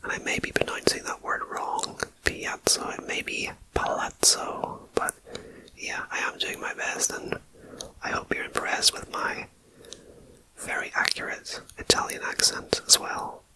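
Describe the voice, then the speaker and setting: A fully unvoiced whisper, slow and unhurried, moving between ears on a binaural microphone. This ASMR host reads numbered facts and drifts into relaxed, chatty asides. The delivery stays hushed and intimate throughout. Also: rough recording. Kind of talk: whispered ASMR fact reading. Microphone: binaural ear-to-ear microphone.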